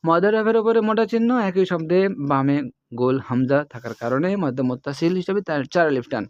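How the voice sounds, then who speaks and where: A man's voice: on the high side, darkish tone, dry recording, highs cut off. A man teaching how to read the Quran, spelling each letter and vowel sign in short chanted steps and explaining the reading rules. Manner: slows into drawn-out melodic recitation for the verses. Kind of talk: letter-by-letter spelling lesson with slow recitation.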